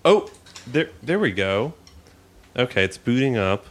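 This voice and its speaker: A man's voice: medium pitch, very animated, a little slow, a little hiss or hum. A man in casual, improvised comedy chat with friends.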